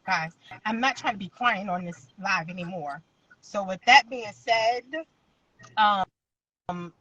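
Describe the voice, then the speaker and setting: A woman's voice: sits high, fairly bright tone, dull audio. A woman guest on a live talk show, crying as she tells an earnest personal story with insistent emphasis.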